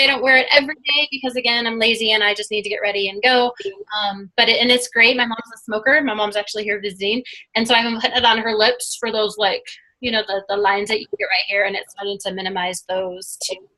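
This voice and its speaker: A woman chatting on a video call, gushing about products in a casual sales pitch with lots of fillers. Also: sharp tone, poor audio. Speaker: product presenter.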